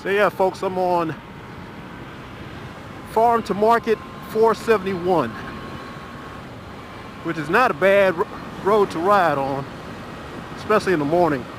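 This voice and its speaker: Speaking in a high-pitched voice, a middle-aged motovlogger rambles casually about his ride on a rural road. He sounds relaxed and chatty, leaning on long filler pauses. Through his helmet mic, the motorcycle engine, wind, and road noise are constantly audible.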